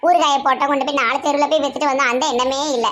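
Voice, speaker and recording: A woman's voice: sits high, fairly even intonation, racing, fairly bright tone, slight background noise. A woman with a Tirunelveli Tamil accent, chatting and teasing in a village comedy sketch.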